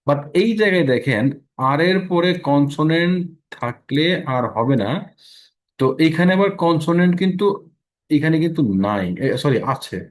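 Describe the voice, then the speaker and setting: A man's voice: fairly high pitch, animated. Bangladeshi man teaching pronunciation. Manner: explains rules slowly, repeats example words. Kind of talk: online lesson.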